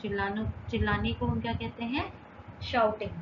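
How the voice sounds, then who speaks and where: A woman English teacher speaks very deliberately, repeating each short phrase and answering her own questions. Her voice sits a bit high. The recording is dull and roomy, with a steady hum of noise behind her. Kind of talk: slow, repetitive spoken-English lesson.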